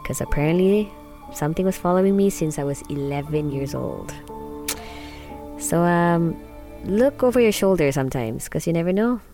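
Low-voiced young woman storyteller. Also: normal speed. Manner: animated, addresses listeners as guys. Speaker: storytelling podcast host. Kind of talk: casual personal storytelling. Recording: music playing behind.

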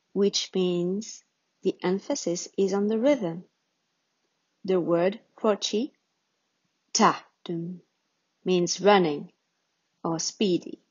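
A middle-aged woman reads her poem slowly and deliberately, her voice a little husky. The sound is dull and lo-fi, and the room is dry and close. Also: mid-range voice, a little mellow, no room sound. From France. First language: French. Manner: slow, deliberate recitation. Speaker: poet. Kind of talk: poetry reading with introduction. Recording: dull lo-fi recording.

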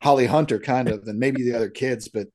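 A man's voice: medium pitch, fast, a little mellow. A man co-hosting a casual movie podcast, talking with enthusiasm and frequent restarts. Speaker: podcast co-host. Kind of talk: casual movie recap chat.

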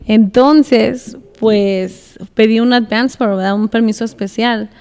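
Woman guest, chatty storyteller, fairly high voice, long room reverb. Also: measured pace, clean tone. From United States. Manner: lively, laughs often, mixes English words. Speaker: podcast guest, escaramuza rider. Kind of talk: casual storytelling chat.

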